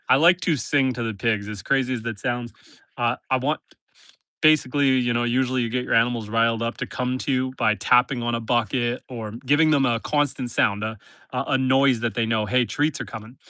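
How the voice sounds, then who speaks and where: A man from northern Canada, nose stuffed up, chats casually on a live stream from his homestead, addressing both viewers and his animals outdoors in a forest pen. His mid-range voice is steady, bright, and forceful at a moderate pace, with no echo.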